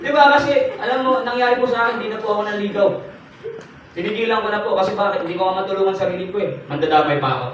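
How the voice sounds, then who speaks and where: A young man with a high voice talks rapid-fire, sharing his testimony as a comic tale about himself and teasing the live audience with questions. The event hall is echoey and noisy, and the mic sits at a distance.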